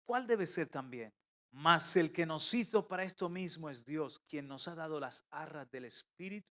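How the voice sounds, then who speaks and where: A man preaching a sermon as pastor, swinging between loud emphatic calls and quiet intimate asides. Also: fairly high pitch, animated, moderate pace. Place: church.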